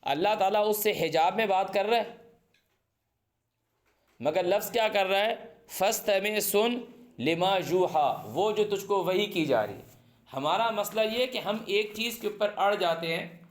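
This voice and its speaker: A man teaching a scripture lesson, reciting each verse slowly and then translating and repeating it phrase by phrase, stopping to quiz his students. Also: sits high. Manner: asks the class questions and answers them himself. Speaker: Quran teacher.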